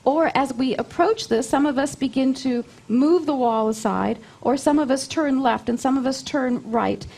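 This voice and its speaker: Woman guest, higher pitch, creaky fry, explanatory conversational delivery, repeated phrases. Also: normal speed, hardly any pauses, mellow. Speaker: interview guest, spiritual channeler.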